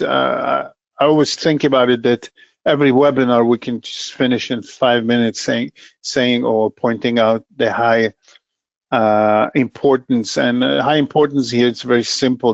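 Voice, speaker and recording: A man's voice: mid-range voice, gravelly, dry recording. Hesitant middle-aged man leading a webinar. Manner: hesitant, many filler pauses, plain-spoken with dry humor. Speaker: senior account manager presenting a trading webinar. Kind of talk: educational market webinar. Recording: dull lo-fi dry webinar audio.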